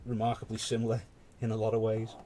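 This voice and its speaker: Talking fast in a warm, monotone voice on the low side, a British man chats his way through a paint-along stream. He rambles casually with plenty of asides, and slight background noise can be heard.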